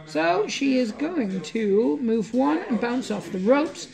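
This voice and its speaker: A woman's voice: high voice, lively intonation, slow, vocal fry, a crowd in the background. A woman from England, playing a tabletop wrestling game and doing mock ringside announcing with dry, teasing asides. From northeast England.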